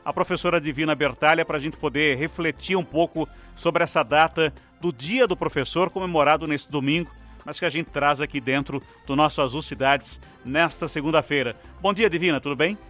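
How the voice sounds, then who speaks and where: Faint music sits behind this Brazilian radio host as he conducts a live news interview in the studio. He talks briskly with few pauses, his pitch on the high side and his tone fairly bright, delivering long, flowing sentences in a formal announcer cadence with a Brazilian Portuguese accent.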